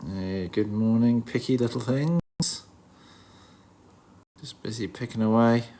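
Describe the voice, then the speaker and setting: Unhurried and dark-toned, a mid-range male voice sounds stuffed up from a head cold. The livestream host chats casually, greets viewers as he looks over a fish tank, and murmurs asides to himself.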